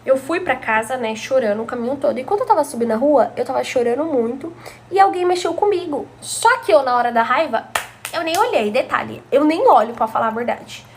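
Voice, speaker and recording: A woman's voice: high-pitched, lively intonation, brisk, slight background noise. A young woman from Brazil telling a personal story to her viewers in a chatty, gossipy way. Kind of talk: casual storytime narration.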